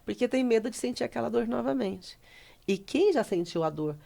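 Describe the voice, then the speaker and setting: A woman's voice: fairly high pitch, animated, brisk, vocal fry, dark tone. A middle-aged woman with a Brazilian Portuguese accent, a podcast guest sharing a personal story with feeling, acting out conversations and often laughing. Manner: heartfelt, re-enacts dialogue, breaks into laughter. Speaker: guest, writer and speaker.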